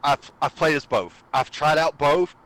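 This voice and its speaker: A man's voice: fairly high pitch, moderate pace, a bit bright, poor audio. A man guesting on a casual podcast, talking eagerly and explaining things at length. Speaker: guest streamer.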